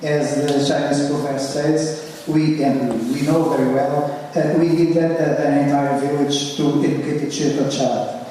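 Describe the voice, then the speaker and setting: A man's voice: a little high, flat delivery, unhurried, few pauses, mellow, slight background noise. A man speaking at a conference, hesitant with many fillers. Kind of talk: panel statement. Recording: echoey hall from far off.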